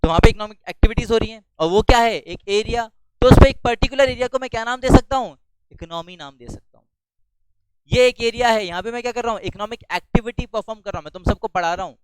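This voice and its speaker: A high-pitched male teacher, lecturing loudly in a classroom. His voice is smooth and clear, and he asks the class questions before answering them himself. The sound is dry and close. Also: quick pace, no echo, low-quality recording.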